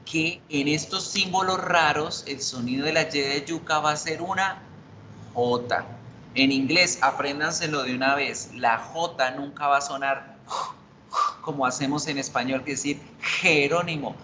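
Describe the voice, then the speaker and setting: A man's voice: on the high side, measured pace, background noise. A man teaching an online English class, patiently explaining pronunciation and repeating words.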